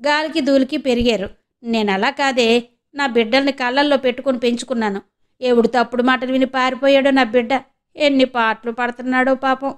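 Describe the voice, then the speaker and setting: A woman's voice: high-pitched, clear, resonant tone, natural voice. A woman voicing a middle-aged village mother who laments and reproaches in rustic speech.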